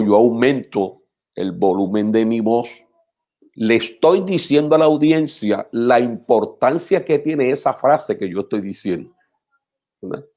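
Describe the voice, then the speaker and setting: A man, a pastor teaching preachers in a measured, instructive radio talk who repeats phrases for emphasis. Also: medium pitch, a little mellow.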